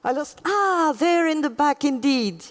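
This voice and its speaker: A woman's voice: sits high, lively intonation, unhurried. A woman moderates a live conference session, playfully coaxing the audience to take part. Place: large indoor conference hall.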